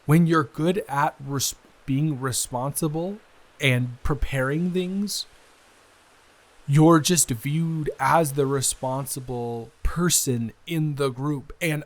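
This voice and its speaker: In an improvised, intimate audio roleplay, a man with a slightly high voice plays a responsible, wry eldest son who rambles hesitantly.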